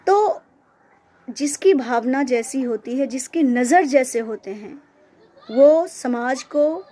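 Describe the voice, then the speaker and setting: A woman's voice: high voice, darkish tone. A woman preacher giving a devotional discourse who explains verses through simple stories and briefly voices the characters. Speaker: Ramayana preacher.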